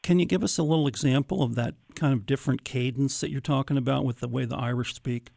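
A man hosting a radio interview, conversational, with halting, thoughtful phrasing. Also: medium pitch, vocal fry, a little mellow, no room sound. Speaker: radio show host.

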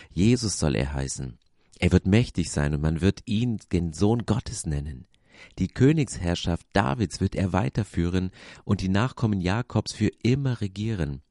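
A man reading the lines of a solemn male angel in a Bible story, in a measured, steady way. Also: deep voice, no room sound, studio quality.

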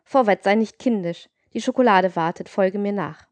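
A woman's voice: mid-range voice, normal speed, a little mellow, no room sound, natural voice. A woman voicing a scheming, greedy procuress with a boastful, coaxing manner in an audiobook reading. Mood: cold.

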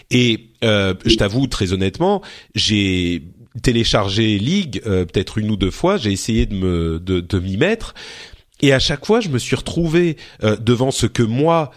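A man working as an interviewer in a casual conversational style, phrasing things in a tentative, roundabout way. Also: lowish voice.

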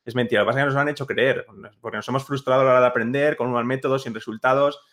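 A man's voice: medium pitch, fairly even intonation, very fast, a bit bright. A man, a guest in a conversational interview who repeats his points for emphasis. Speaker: co-creator of an English-learning method, guest.

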